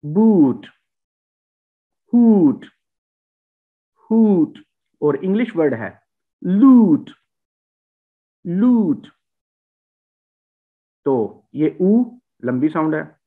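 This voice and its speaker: A man's voice: on the high side, sing-song, slow. A man from Punjab teaching English vowel sounds in a lecture, repeating example words with heavy stress. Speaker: language teacher. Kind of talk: spoken phonetics lecture. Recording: tinny phone-like sound.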